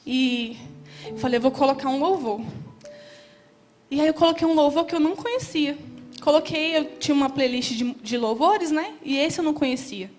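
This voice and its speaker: Earnest Brazilian woman, middle-aged, high-pitched, speaking a church testimony over soft music. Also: normal speed. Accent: Brazilian Portuguese. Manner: earnest, addresses the congregation directly. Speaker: church member giving testimony.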